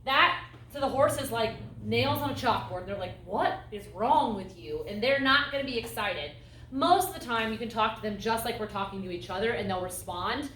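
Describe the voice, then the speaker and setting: A woman instructor giving a calm, explanatory lecture on horses, acting out voice tones as she goes. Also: fairly high pitch, a little fast, slight background noise. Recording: echoey room, mic at a distance.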